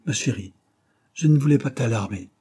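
A man's voice: medium pitch, lively intonation, moderate pace, mellow, husky, voice pushed up. A man voicing a young husband who speaks tenderly with forced cheer. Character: anxious young husband hiding bad news.

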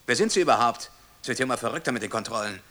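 In a German radio play, a male actor portrays a servile state telephone clerk who is easily flustered, stammering and officious and quick to swing from indignation to obsequiousness. His medium-pitched voice is expressive with a sharp edge, and the mood is indignant.

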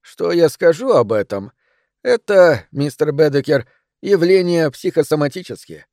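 A man voicing a calm, patient doctor who speaks in a measured, reassuring way. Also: a little high, dry recording, studio quality.

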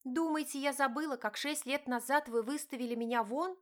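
A woman's voice: a little high, moderate pace, a bit bright, close to an everyday voice. A woman voicing an indignant young heroine in an audiobook, speaking sharply and heatedly. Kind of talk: audiobook narration.

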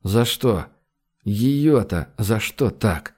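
A man's voice: lowish voice, expressive, extremely slow, darkish tone, exaggerated voice. Narrator giving a weary muttering man. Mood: pleading. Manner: subdued, muttering. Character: weary, troubled man holding back despair.

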